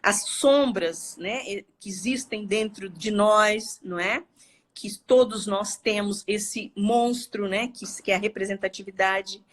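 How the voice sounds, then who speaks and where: A woman's voice: on the high side, fairly bright tone, husky. A woman with a Bahian Brazilian accent, a therapist talking expressively on a live video call and repeating words for emphasis. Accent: Bahian Brazilian Portuguese. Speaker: guest therapist. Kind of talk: live-stream talk. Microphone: phone or laptop on a live video call.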